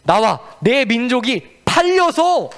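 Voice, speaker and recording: A man voicing a brave young queen who pleads slowly and formally before the king. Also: very high voice, big pitch swings, fairly bright tone, voice pushed up, full character voice. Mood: pleading. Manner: slow, earnest, formal pleading.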